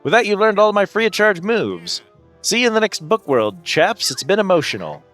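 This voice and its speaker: A man's voice: sits high, sing-song, normal speed, fairly bright tone, voice pushed up. A man voicing a chummy, old-fashioned snake tutor from a video game, reading the dialogue aloud in a theatrical way. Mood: chummy, grand. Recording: music behind the voice.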